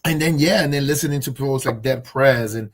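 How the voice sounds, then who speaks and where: A Colombian man, a guest on a video call, tells his story reflectively and casually, with many fillers and restarts. He speaks a little fast in a mid-range voice.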